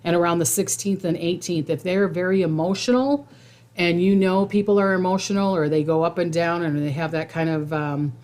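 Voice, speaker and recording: Casual, rambling woman with lowish voice. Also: steady tone, brisk, a little mellow. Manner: informal, rambling, repeats phrases for emphasis. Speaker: psychic host giving monthly predictions. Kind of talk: casual livestream talk to viewers.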